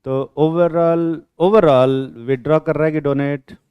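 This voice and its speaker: A man teaching chemistry to a class, quizzing students and teasing them in blunt, rough slang. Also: a little high, fairly even intonation, slow, dry recording, lo-fi sound. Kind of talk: classroom lecture with questioning.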